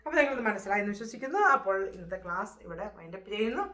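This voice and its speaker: A woman teaching a Spanish lesson, explaining patiently and slowly repeating example phrases. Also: mid-range voice, expressive, pushed and bright. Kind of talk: casual spoken language lesson. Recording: echoey room.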